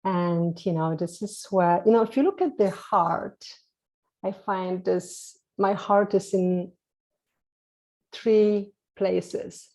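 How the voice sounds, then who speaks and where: Slow, gravelly-voiced woman. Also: mid-range voice, a little mellow, low-quality recording. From Poland. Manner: slow, hesitant, many pauses. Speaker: guest coach. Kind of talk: casual interview chat.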